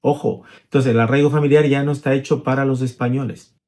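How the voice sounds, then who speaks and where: A man's voice: medium pitch, fairly even intonation, fast, darkish tone. Middle-aged male lawyer, conversational explainer, illustrative examples, frequent tag questions. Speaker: immigration lawyer.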